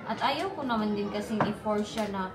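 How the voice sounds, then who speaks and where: A woman's voice: medium pitch, normal speed, roomy sound, over loud music. A pregnant woman chatting in a casual vlog while out walking with her children, telling family stories in a mix of languages. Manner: chatty, storytelling, mixes languages. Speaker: vlogger mother.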